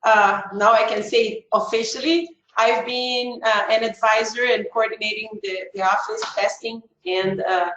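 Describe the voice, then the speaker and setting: Brazilian lady advising students over a video call, kinda high voice, chatty with lots of uhs, echoey room. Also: fairly even intonation, measured pace, hardly any pauses, fairly bright tone, muffled recording, a little hiss or hum. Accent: Brazilian Portuguese. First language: Portuguese. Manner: chatty, many fillers and restarts. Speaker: education advisor. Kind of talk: online webinar talk.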